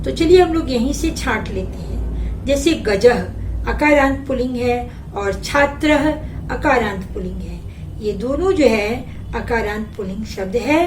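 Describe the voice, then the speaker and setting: A woman teaching a Sanskrit lesson, slowly reading each word and then giving its meaning. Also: high-pitched, reverberant, a little hiss or hum. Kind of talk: slow classroom explanation.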